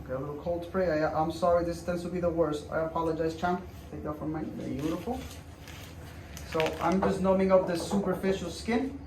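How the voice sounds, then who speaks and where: Brisk and steady in tone, the doctor's voice is high as he carries out a procedure on a patient's hand in a clinic. His casual, reassuring commentary for the patient and viewers repeats itself as he demonstrates. A distant mic leaves the sound roomy, with noise behind it.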